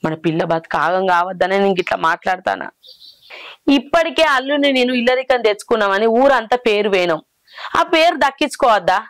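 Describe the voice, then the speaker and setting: A woman's voice: mid-range voice, animated, a little fast, no echo, natural voice. A middle-aged woman playing a stern village mother who scolds her son-in-law. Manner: scolding, indignant. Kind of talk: village short film acting.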